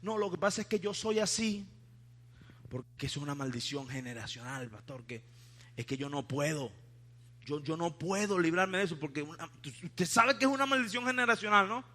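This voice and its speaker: A man's voice: sits high, fairly even intonation, fast, hardly any pauses, bright, forceful tone. A man voicing a gloomy churchgoer convinced he carries a family curse, whining and stammering in a Venezuelan accent. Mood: plaintive.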